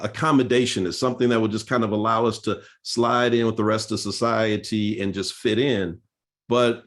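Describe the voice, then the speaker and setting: At a seminar, a pastor tells the story of church history with earnest sincerity, his voice sitting rather low. His delivery is full of filler words and false starts.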